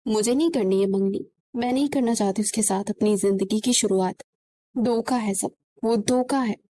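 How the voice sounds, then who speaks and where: A young bride, stunned and tearful, refuses to go on, voiced by a woman narrator. The voice is a little high and mellow, with a crying, defiant edge. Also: lightly acted. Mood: distraught. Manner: tearful, shouting.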